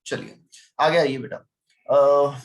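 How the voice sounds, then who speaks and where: A man's voice: mid-range voice, fairly even intonation, very slow. A male teacher giving a chatty lecture, teasing his students and constantly quizzing them. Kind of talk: classroom lecture.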